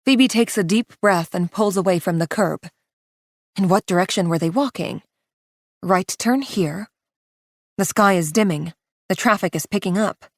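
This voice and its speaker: A woman narrating a psychological thriller audiobook in a tense, hushed delivery. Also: on the low side, no room sound, clean studio sound. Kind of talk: scripted narration.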